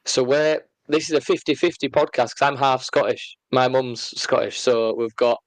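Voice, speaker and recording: A man's voice: mid-range voice, moderate pace, no room sound. A man from England, a regular co-host on a casual podcast, chatty and curious, often laughing.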